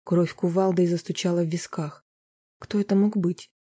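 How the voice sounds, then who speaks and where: A narrator reading a romance novel aloud in a steady, even storytelling manner. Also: medium pitch, normal speed, husky, no room sound.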